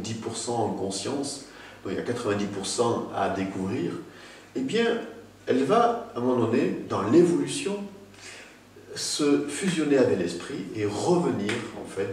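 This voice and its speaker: A man giving a spoken talk on spirituality, addressing the listener directly with emphatic rises and pauses. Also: mid-range voice, darkish tone, a little hiss or hum. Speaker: spiritual teacher. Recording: very echoey room, mic at a distance.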